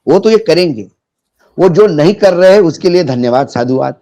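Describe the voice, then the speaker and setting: A man's voice: fairly high pitch, animated, moderate pace, warm tone, dry recording. A man discussing politics as a guest, biting and sarcastic, mixing in jokes and anecdotes.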